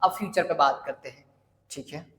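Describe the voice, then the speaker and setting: A man's voice: on the high side, moderate pace, fairly bright tone, long reverb tail. A man from Jaipur teaching a casual spoken English lesson, playful and joking, often asking rhetorical questions. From Jaipur, India.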